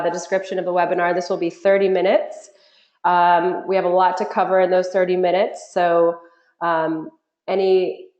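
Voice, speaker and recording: A woman's voice: lowish voice, a little mellow, dull audio. Nasal woman hosting a webinar. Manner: friendly, chatty, frequent ums. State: nasal from a cold. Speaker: webinar host. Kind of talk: live webinar presentation. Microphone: computer mic on a web call. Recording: echoey room on a web call.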